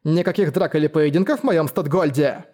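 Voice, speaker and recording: A man's voice: on the high side, a little fast, a little mellow, natural voice. A male narrator voicing a cold, commanding woman who rules her estate, with an icy, stern delivery.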